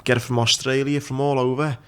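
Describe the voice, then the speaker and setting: A man's voice: medium pitch, little pitch movement, fairly quick, fairly bright tone, smooth. A man in his thirties with a Liverpool accent, chatting casually and swearing freely as a podcast host. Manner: sweary, informal. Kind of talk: casual chat. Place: small office studio, indoors. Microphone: desk microphone.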